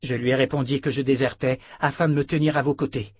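A man's voice: medium pitch, fairly even intonation, quick pace, darkish tone, slightly rough, voice pushed up, lightly acted. A man voicing a loyal young male officer, earnest and respectful as he explains himself.

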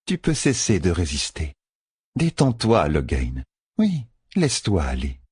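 A man voicing a menacing woman who speaks in a hushed, soothing way in an audiobook. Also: low voice, huge pitch swings, a little slow, slightly rough, no echo, clean studio sound, full character voice. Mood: coaxing. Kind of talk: audiobook character voice.

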